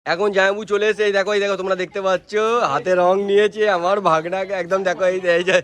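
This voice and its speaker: Man vlogger, high voice, eager and chatty, filming outdoors on a handheld phone. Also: very fast. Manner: excited, repeatedly urging viewers to look. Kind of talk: casual vlog narration. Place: outdoors at a family Holi celebration.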